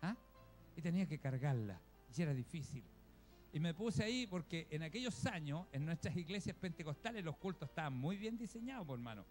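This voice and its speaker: A Chilean man preaching in a relaxed, storytelling way, his voice pitched notably high for a man. He speaks to the congregation as brothers and sisters. Faint music plays softly behind him. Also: a little fast. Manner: homely storytelling, often addresses listeners as brother. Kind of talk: conversational sermon.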